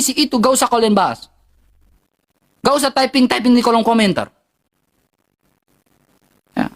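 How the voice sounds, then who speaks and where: A woman with an eastern Indonesian accent, ranting heatedly and bluntly to her livestream viewers, repeating herself for emphasis. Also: on the high side.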